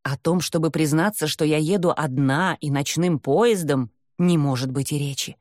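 With a low, darkish voice at a moderate pace, a woman narrates a first-person novel for an audiobook. Her delivery is expressive and dramatic, and she acts out the dialogue. The studio sound is clean and dry.

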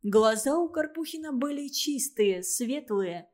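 Woman narrating a novel, measured. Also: high-pitched, expressive, darkish tone. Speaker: audiobook narrator. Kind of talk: reading a novel aloud.

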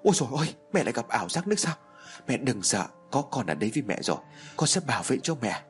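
A man voicing a caring adult son who gently reassures his frightened mother. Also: medium pitch, big pitch swings, fast, faint music behind, close to an everyday voice. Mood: reassuring.

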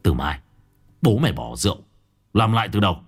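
A man's voice: low voice, sing-song, fairly quick, slightly rough, faint music behind, exaggerated voice. A man voicing a broken, grieving alcoholic father who wails and growls in a spoken ghost story. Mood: surly. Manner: wailing then growling curses. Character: broken alcoholic father, grief-stricken and surly.

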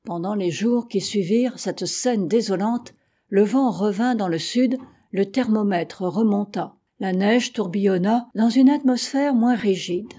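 A woman reading a novel aloud as an audiobook, with steady, measured narration. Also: medium pitch, slightly rough. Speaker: audiobook reader.

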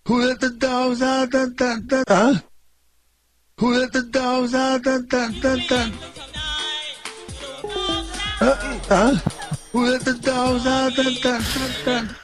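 A man putting on a goofy, high-voiced guy who keeps belting a pop chorus and pushing others to sing along. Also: flat delivery, takes it slowly, pauses often, over music. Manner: sing-song, pushy, repeats himself.

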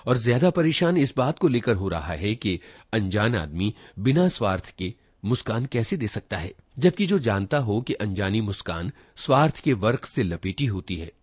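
In a dry recording, a male story reader narrates a first-person literary piece with a husky, fairly low voice. He sounds reflective and dramatic, his pitch rising and falling with great liveliness.

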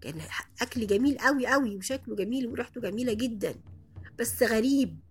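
Egyptian woman, high register, expressive horror storyteller, soft music bed. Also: fast, slightly rough. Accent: Egyptian Arabic. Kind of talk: first-person horror storytelling.

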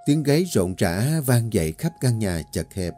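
A man tells a scripted horror tale in a low, mellow voice. His delivery is steady and dramatic, with faint music underneath. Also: normal speed. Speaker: storyteller. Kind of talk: scripted horror story narration.

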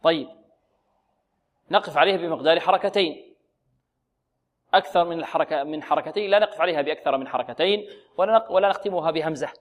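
Male tajweed teacher, slightly high voice, drills students word by word with slow repeated examples. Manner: drills pronunciation, repeats words slowly, asks students questions. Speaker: Quran recitation teacher. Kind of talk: tajweed lesson with recited examples.

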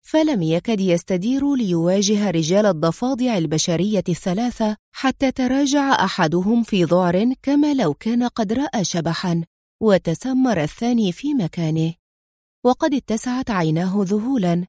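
A woman's voice: mid-range voice, no room sound. Woman narrating a spy novel, dry. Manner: steady, measured storytelling. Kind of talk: audiobook novel reading.

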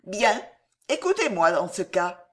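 A cold, calculating queen mother voiced by a woman reader who persuades in measured, deliberate phrases. Her pitch rises and falls in a lively way. Read as an audiobook character. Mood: persuasive. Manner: measured, persuasive, coolly triumphant.

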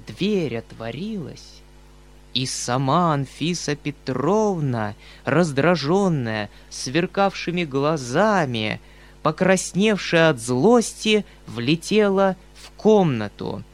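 A man reading a classic novel aloud as an audiobook narrator, expressive and measured. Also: a little high. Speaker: audiobook reader.

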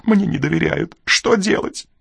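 Male narrator voicing a jittery, terrified man in a storybook, high-pitched and frantic. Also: lively intonation, moderate pace, gravelly, breathy edge, no echo, clean studio sound. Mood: anxious. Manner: shrill, pleading, frantic outbursts. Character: panicky nervous man near tears.

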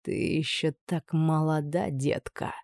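Lady doing a creepy purring judge guy, low and slow, dry recording. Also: fairly even intonation, creaky, a little mellow, no echo, heavily acted. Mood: menacing, purring. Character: menacing scheming middle-aged male high judge.

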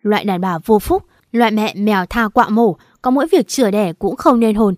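A woman's voice: mid-range voice, moderate pace, darkish tone, no room sound, clean studio sound, natural voice. A woman voicing a cruel, scornful older mother-in-law who hurls insults in an audiobook. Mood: spiteful. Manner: spiteful, insulting, contemptuous. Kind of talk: audiobook character voice.

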